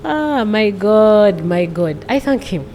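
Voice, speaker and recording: A woman's voice: medium pitch, very animated, slow pace, darkish tone, soft background music. A woman in her twenties, a podcast guest, telling her personal story earnestly and repeating phrases for emphasis. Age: 20s.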